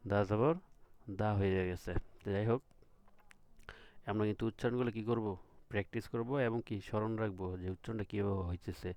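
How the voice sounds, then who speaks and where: A man's voice: on the low side, fairly even intonation, brisk, pauses often, a little mellow, no echo. A man teaching letter sounds to beginners, patiently repeating each sound and checking with questions. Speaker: Quran reading teacher. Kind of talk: recorded lesson.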